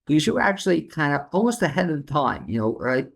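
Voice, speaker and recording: He's a podcast host from New York City running a relaxed interview full of fillers. His voice is a little high and gravelly, moving at a quick pace with wide swings in pitch.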